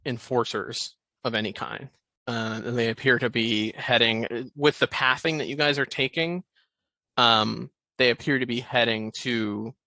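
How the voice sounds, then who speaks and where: A man runs a tabletop fantasy game as its narrator. His delivery is slow and deliberate with halting pauses, and his voice is bright and forward in a dry, close sound. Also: mid-range voice, no echo, rough recording. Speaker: game master.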